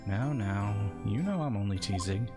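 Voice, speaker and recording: A man doing a composed woman lawyer from a video game, her voice dropped low and measured, gently teasing her younger sister. Game music runs behind. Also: animated, natural voice. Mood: gentle.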